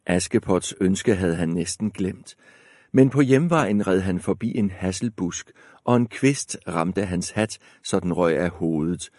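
A man reads a fairy tale aloud in a calm, measured way with a lowish voice. The recording is dry and close, with no room sound. His telling is steady and even. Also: no room sound. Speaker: narrator.

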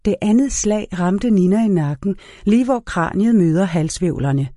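A man narrates a novel in a measured, even way, telling the story at a steady pace. His voice sits a little high for a man but has a mellow, warm tone. It is recorded close and dry, with no room sound. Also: no echo. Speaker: audiobook narrator. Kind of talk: scripted narration.

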